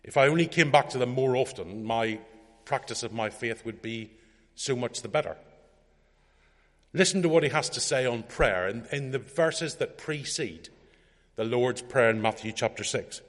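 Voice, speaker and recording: Reflective man preaching in a reverberant hall. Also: medium pitch. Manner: measured, reflective delivery, rising for quoted scripture. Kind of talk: sermon with scripture reading.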